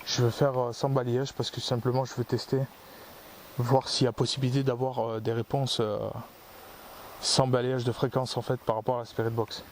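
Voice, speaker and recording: A man's voice: medium pitch, little pitch movement, moderate pace, a little hiss or hum. Rambling man in a forest. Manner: rambling, explains his gear at length. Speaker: paranormal investigator, channel host. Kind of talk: casual on-location commentary. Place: forest outdoors at night.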